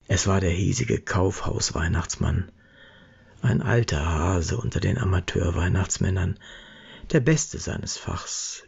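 A man narrating a story with steady, measured reading. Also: low-pitched, gravelly, breathy edge, dull audio.

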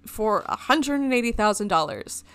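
A woman's voice: fairly high pitch, animated, normal speed, fairly bright tone, smooth. A woman co-hosting a podcast, telling a history story in a rambling, casual way and laughing often. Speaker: podcast co-host.

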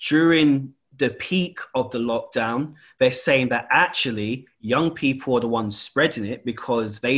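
A man's voice: mid-range voice, fairly bright tone. A man chatting casually in an exasperated way, repeating his points for emphasis. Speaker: school or college staff member. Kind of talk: casual chat.

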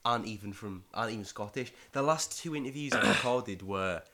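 A man's voice: fairly low pitch, brisk, pushed and bright. A man from Middlesbrough with a Teesside accent, hosting a casual podcast in an informal, rambling way. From Middlesbrough, England. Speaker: podcast host.

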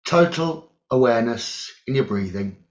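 A meditation teacher with a mid-range voice guides a session, giving calm, deliberate instructions in short phrases separated by long pauses. The recording sounds dull and lo-fi.

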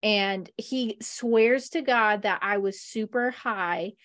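A woman's voice: mid-range voice, slow pace, fairly bright tone, no room sound, clean studio sound. A woman hosting a podcast, telling a story with a chatty, laughing manner, full of "like". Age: adult with a husband. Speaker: podcast host. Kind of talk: casual chat about movies.

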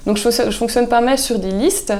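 A woman, a guest chatting casually in an interview, relaxed and thoughtful with frequent hesitations. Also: fairly high pitch, moderate pace. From Switzerland. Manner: relaxed, thoughtful, many hesitations, laughs easily. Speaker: guest, soap maker.

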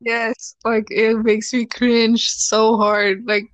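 A woman's voice: fairly high pitch, little pitch movement, slow pace, no room sound. A young woman co-hosting a casual chat, blunt and teasing. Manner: blunt, teasing, frequent "like" fillers. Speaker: podcast co-host.

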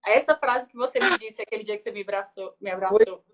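A woman's voice: mid-range voice, lively intonation, fast, background noise. A woman hosting a conversation, responding with sympathy and affirming what her guest says. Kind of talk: casual chat.

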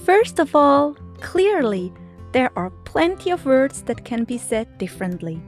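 A woman's voice: high voice, sing-song, soft background music. A middle-aged woman with a non-native English accent, a mother talking casually to the camera and laughing often. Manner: slow and careful, laughing often. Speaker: mother and vlogger.

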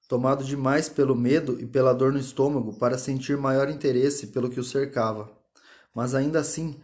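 Calm male audiobook narrator. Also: mid-range voice. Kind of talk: scripted narration.

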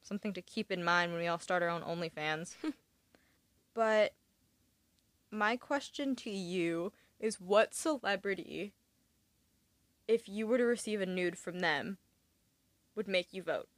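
A woman's voice: mid-range voice, unhurried, long pauses, dry recording. A young woman from California in her twenties hosting a casual chat, with chatty, dryly sarcastic asides.

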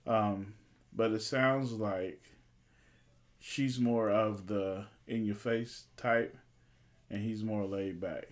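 Easygoing guy cohosting a couples podcast, jokey and informal. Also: fairly low pitch. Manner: laid-back, joking, informal. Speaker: podcast co-host. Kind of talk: casual relationship podcast chat.

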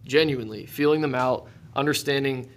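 A man's voice: mid-range voice, a little fast, crowd noise. A man in his twenties hosting a podcast, talking earnestly and reflectively with lots of "like" fillers. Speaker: podcast host. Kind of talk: casual conversation.

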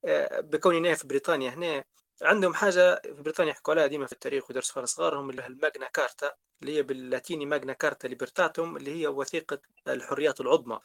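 A man's voice: on the high side, creaky, fairly bright tone. A male host, chatting conversationally and thinking aloud. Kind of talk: conversational interview.

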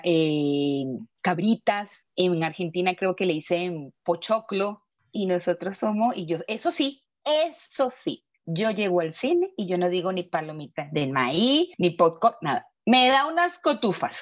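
Lively Venezuelan woman, muffled audio. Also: mid-range voice. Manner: lively, laughing often, telling anecdotes. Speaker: podcast co-host. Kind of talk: casual chat.

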